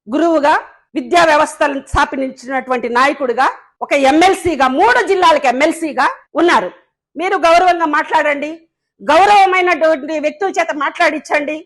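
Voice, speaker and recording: A woman's voice: high voice, a little fast, a bit bright. A woman from the area, a party worker, giving a combative press statement full of scolding rhetorical questions. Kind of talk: angry political press statement.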